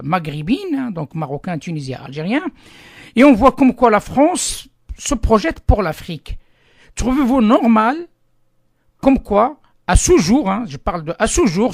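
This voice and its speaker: A man's voice: high voice, gravelly, no echo. Male radio host posing long, winding questions in a dead-dry studio. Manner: rambling, repeats himself while framing questions. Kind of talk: radio interview.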